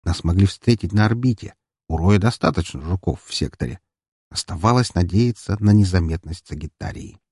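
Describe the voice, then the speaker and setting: A man narrates an action scene of a sci-fi audiobook in the first person. His voice sits low and mellow, and he reads in a steady, measured way. The close mic sounds dry and without any room. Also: husky, dry recording.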